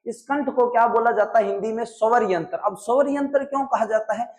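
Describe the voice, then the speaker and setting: A man with a Rajasthani accent teaching a classroom biology lesson, often quizzing his students and drilling terms by repetition. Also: extremely high pitch. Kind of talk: classroom lecture.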